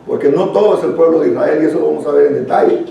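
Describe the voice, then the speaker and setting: Rapid-fire and warm, with vocal fry, this man's fairly high voice comes through a muffled recording. He has a Guatemalan accent and teaches a church Bible study, reading and explaining scripture earnestly and conversationally, captured by a distant mic in a very echoey room.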